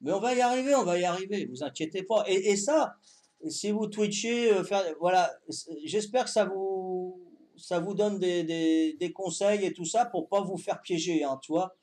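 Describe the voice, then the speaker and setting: A man in his fifties with a Corsican accent, chatting calmly to his viewers during a live game stream, tagging his sentences with "hein" and repeating himself. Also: sits high. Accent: Corsican French. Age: 50s. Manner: calm, unhurried, talks to chat while playing.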